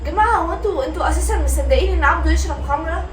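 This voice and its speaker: A woman's voice: extremely high pitch, very fast. A young woman with an Egyptian accent, scolding and teasing in casual couple banter. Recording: very roomy, slightly noisy, distant microphone.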